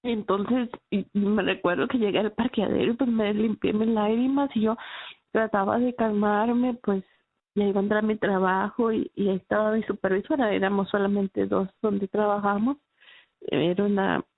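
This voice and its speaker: A woman giving a halting, emotional personal faith testimony, with many restarts. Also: medium pitch, steady tone, slight background noise. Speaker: testimony speaker. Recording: dry, phone-like narrow sound.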